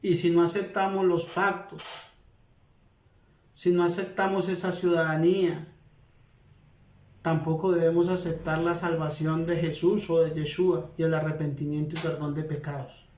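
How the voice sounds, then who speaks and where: A man's voice: fairly high pitch, flat delivery, normal speed, a little mellow, roomy sound. A man, a pastor preaching to a present congregation in an earnest, repetitive way. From Colombia. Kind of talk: sermon. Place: congregation hall with audience present.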